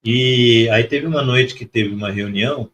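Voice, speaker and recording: A middle-aged man from Mato Grosso, Brazil, a guest on a spirituality live stream, tells a personal spiritual story with feeling, repeating words for emphasis. His voice is mid-range and fairly bright at a normal speed, with a little hiss or hum.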